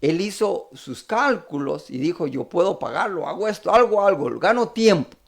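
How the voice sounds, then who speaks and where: Animated, gravelly-voiced Costa Rican preacher. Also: male voice, high voice, moderate pace. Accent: Costa Rican Spanish. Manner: animated, acts out the characters' pleas. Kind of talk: sermon.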